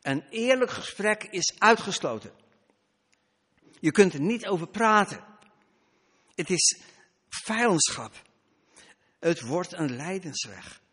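A man's voice: sits high, big pitch swings, slow pace, long pauses, a bit bright, husky, big-room sound. A man preaching a sermon, emphatic, his voice rising and dropping for stress.

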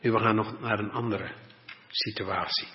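A man preaching a sermon, reading Bible passages in a deliberate, old-fashioned way and explaining them. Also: on the low side, fairly even intonation. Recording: dull lo-fi recording with long reverb.

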